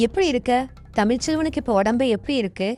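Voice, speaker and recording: An outspoken woman neighbor, voiced by a woman in a doll-serial drama, who reasons and pleads earnestly in a fairly high voice. Soft music plays faintly behind her. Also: lively intonation, fast, natural voice. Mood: pleading. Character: outspoken woman neighbor, apologetic then indignant. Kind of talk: amateur doll-serial voice acting.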